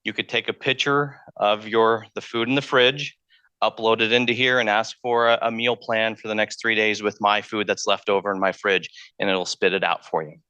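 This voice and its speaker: A man lectures to a college audience in a relaxed, conversational way, often repeating a word as he gathers his thoughts. His voice is bright and pointed, and the sound comes through dull and lo-fi, with little room echo. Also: fairly low pitch, normal speed, clear, resonant tone. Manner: conversational, thinks aloud, repeats words. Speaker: math lecturer. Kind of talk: public lecture. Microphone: handheld mic.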